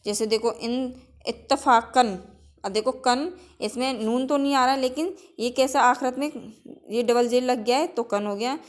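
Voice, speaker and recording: A woman with a slightly high voice teaches an exam-prep lesson. She states each rule, repeats it, then quizzes it back before running through lists of example words. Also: a little slow. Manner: drills with example words in a list.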